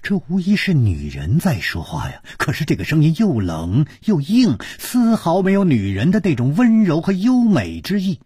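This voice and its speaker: A man's voice: fairly high pitch, huge pitch swings, moderate pace, few pauses, warm tone, breathy edge, dry recording, studio quality. A man narrating a martial-arts story in a dramatic traditional storytelling style, with asides to the listener. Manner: dramatic, with rhetorical asides and sighs.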